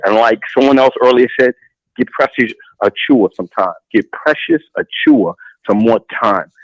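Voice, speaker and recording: A man calling in to a sports talk show, ranting in a boastful, animated way. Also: medium pitch, moderate pace, no echo, lo-fi sound. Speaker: caller. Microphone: phone line.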